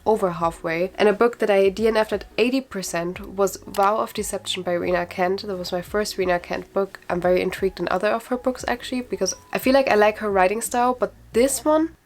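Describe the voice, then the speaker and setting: A woman's voice: medium pitch, fairly even intonation, fairly quick, hardly any pauses. A woman chatting casually on her video channel, giving frank opinions with lots of fillers. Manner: frequent fillers like "like" and "actually". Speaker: book vlogger. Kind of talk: casual book ranking vlog.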